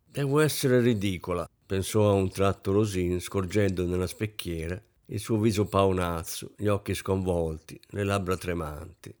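Low-voiced man reading a novel aloud. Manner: measured, expressive storytelling. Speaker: narrator. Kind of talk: audiobook narration.

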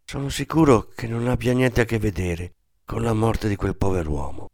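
A man reading an audiobook, voicing a nervous middle-aged priest who runs a school and pleads defensively in a lifted, softer voice. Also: on the low side, normal speed, dry recording, studio quality, natural voice.

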